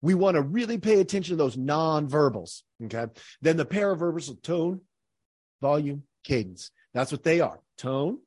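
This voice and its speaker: A man hosting his podcast, explaining points in an energetic, emphatic, teacherly way. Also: fairly high pitch, moderate pace, slightly rough, dry recording, clean studio sound. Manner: energetic, emphatic, teacherly, frequent "all right". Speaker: podcast host.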